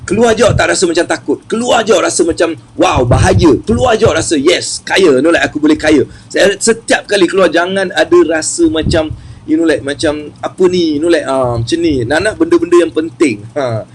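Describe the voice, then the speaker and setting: A man giving a motivational seminar talk about wealth, chatty and lively, repeating phrases for emphasis. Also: on the high side, a little fast, slight background noise, low-quality recording.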